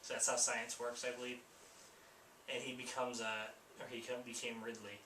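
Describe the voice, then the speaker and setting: A man's voice: medium pitch, little pitch movement, normal speed, bright, forceful tone, distant mic. A man hosting a casual film review chat, sounding tipsy as he rambles and loses track. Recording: roomy echo, off-mic, faint noise.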